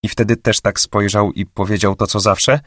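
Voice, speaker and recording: A man voicing a calm, shrewd female detective who asks probing questions, for an audiobook. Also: fairly low pitch, normal speed, no echo, studio quality.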